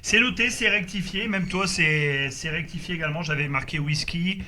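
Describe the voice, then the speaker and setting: A man with a fairly high, sharp-toned voice talks at normal speed, an amateur CB radio operator recording a group contact. His casual chat is hesitant and agreeable, with repeated phrases, and faint background noise runs through the recording.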